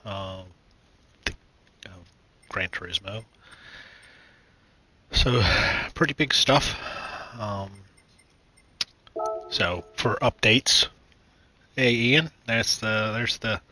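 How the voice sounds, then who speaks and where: A man from the United States hosting his own gaming channel, chatting casually and rambling with many fillers, restarts and throat clearing. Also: fairly low pitch, extremely slow, long pauses, sharp tone, a little hiss or hum, poor audio. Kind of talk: casual gaming news chat.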